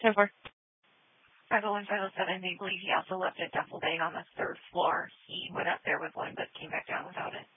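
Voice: medium pitch, fairly even intonation, quick pace, breathy edge. A police dispatcher giving clipped calls and radio codes over a police radio transmission. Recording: tinny radio scanner audio.

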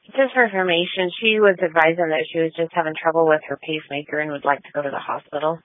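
A woman's voice: low-pitched, steady tone, fast, dry recording. Woman dispatcher over tinny police radio. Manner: terse procedural radio codes. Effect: police radio transmission. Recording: tinny narrowband two-way radio.

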